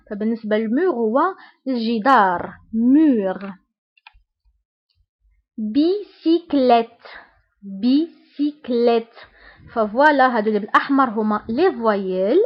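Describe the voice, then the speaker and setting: A woman with a Moroccan Arabic accent teaching a beginner French lesson, patient and repeating each sound slowly. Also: fairly high pitch, lo-fi sound.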